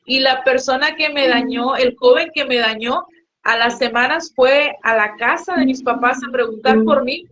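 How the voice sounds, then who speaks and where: A woman's voice: high voice, normal speed, a bit bright. A woman with a northern Mexican accent giving an earnest, heartfelt church testimony and addressing listeners as brothers and sisters. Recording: muffled lo-fi recording with faint noise.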